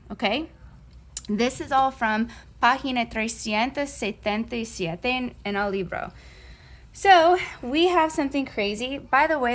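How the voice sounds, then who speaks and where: A woman teaching a recorded Spanish lesson, mixing Spanish phrases into her English explanations and often checking in with a reassuring "okay?". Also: medium pitch.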